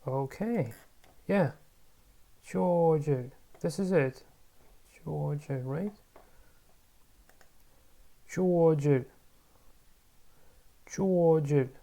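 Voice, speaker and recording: The voice is mid-range and gravelly, at normal speed with long pauses. In a casual pronunciation-practice vlog, this language learner mutters to themself, repeats words again and again, self-corrects, and occasionally gets excited.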